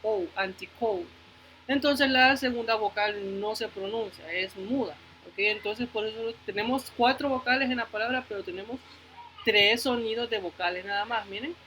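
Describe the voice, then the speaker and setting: A man's voice: high-pitched, moderate pace, sharp tone, slight background noise, rough recording. A male teacher giving a phonics lesson to children, patiently repeating words and checking in with the class, moving between Spanish and English.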